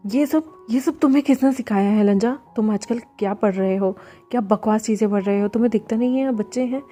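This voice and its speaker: A woman's voice: fairly high pitch, a little fast, dark tone, faint music behind, natural voice. A woman voicing a hot-tempered young husband who scolds his spouse in an exasperated way, in a storybook reading. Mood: scolding. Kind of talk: storybook fan-fiction reading.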